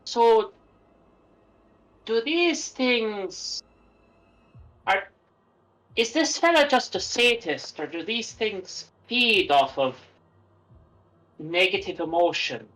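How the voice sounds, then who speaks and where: Male tabletop player, bright tone, slow hesitant speech, dry understatement. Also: sits high, expressive, rough recording. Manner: hesitant, thoughtful, wry understatement. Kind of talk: casual tabletop play.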